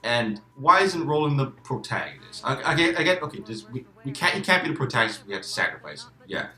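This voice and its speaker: A man's voice: mid-range voice, very animated, fast, sharp tone, reverberant. A man who is a guest in a casual game discussion, repeating words as he restarts and swearing emphatically.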